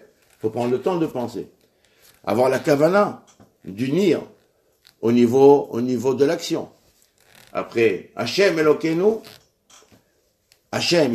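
A man teaching a religious lesson, speaking in a measured way with frequent restarts and pauses, lifting his voice on the key words and questions. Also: medium pitch, dark tone.

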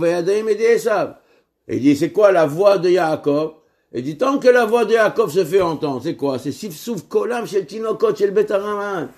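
Male Torah teacher, higher-pitched voice, explains texts with frequent restarts. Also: darkish tone. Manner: halting, repeats words while explaining. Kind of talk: Torah lesson, reading Hebrew text and explaining in French.

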